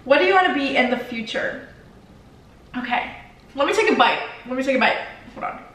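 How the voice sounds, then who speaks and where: This teen girl, a vlogger whose native language is Spanish, rambles through a casual eating Q&A from a leather couch in her living room, filling gaps with "like." She speaks briskly in a high, lively, fairly bright voice. A camera across the room records her, so she sounds distant and echoey.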